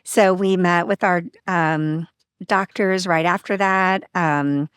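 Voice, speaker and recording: A woman's voice: on the low side, slow pace, smooth, no echo, studio quality. A woman guest on a podcast telling a personal story in a casual, open way, acting out what people said. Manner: open, animated, acts out quoted dialogue.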